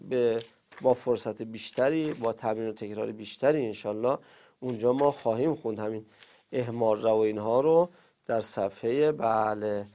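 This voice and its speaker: A man's voice: mid-range voice, darkish tone. A man teaching Arabic grammar in Persian, rattling off verb conjugation lists in a falling sing-song and stopping now and then to explain to students. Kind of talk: recorded class lesson, rapid verb conjugation drills.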